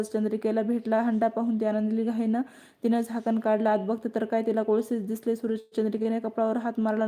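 A woman reading a religious folk tale aloud in a steady, measured way. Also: fairly high pitch. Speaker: devotional storyteller.

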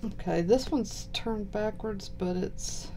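A woman with a Southern US accent giving low-key, mumbled casual commentary while unboxing cards. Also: slow, mellow, slight background noise. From southern United States. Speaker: card box-break host. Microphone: purchased microphone.

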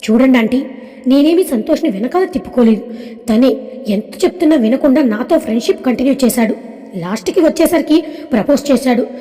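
A woman's voice: high voice, animated, brisk, dark tone. A woman voicing a hurt but defiant young woman defending herself. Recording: long reverb.

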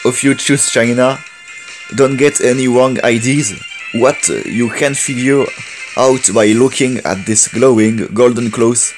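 A man with a French accent voicing a fierce masked female warrior, reading slowly in his own mid-range voice. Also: mid-range voice, steady tone, music in the background, natural voice. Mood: stern. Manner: slow, careful reading of game dialogue.

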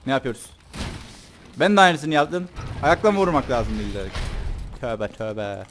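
A man's voice: mid-range voice, unhurried, faint music behind. Joking young man narrating gameplay. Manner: joking, excitable, swears and yelps during fights. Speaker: gameplay commentator. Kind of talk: let's play commentary. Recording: game audio with gunfire behind. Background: gunfire and game sounds.

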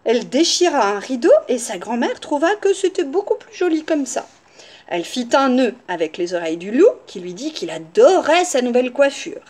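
Expressive woman reading to children. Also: high voice, normal speed. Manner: expressive, explains asides to children. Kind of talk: children's story read-aloud.

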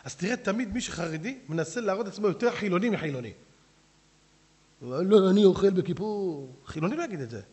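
Animated high-voiced male rabbi preaching. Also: hardly any pauses. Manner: animated preaching, acting out characters; addresses audience directly. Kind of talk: sermon.

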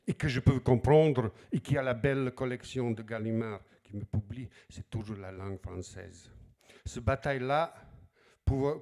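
A man's voice: medium pitch, darkish tone. A middle-aged man with a Slavic accent, an author telling anecdotes at a public talk, acting out quoted lines and repeating words as he searches for them. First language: Slavic language. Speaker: author speaking at a library talk.

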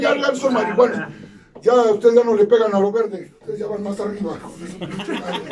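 Mexican guy yelling rough testimony at a meeting, gravelly high voice, far off mic with people around. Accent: Mexican Spanish. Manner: crude, profanity-laden, shouting bursts. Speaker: recovery group speaker. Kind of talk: impassioned testimony at a support meeting. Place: meeting hall. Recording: distant mic in a noisy crowded room.

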